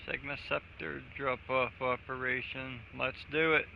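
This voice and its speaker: A man with a creaky mid-range voice talks at a measured pace with fairly even intonation during a game stream with a friend. The casual chat is laid-back, profane and full of jokes, over slightly dull audio with game music and slight background noise.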